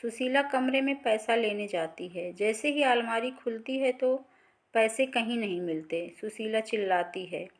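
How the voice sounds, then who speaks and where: A woman storyteller reading a scripted family drama in an even, plain manner. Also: a little high, a little slow.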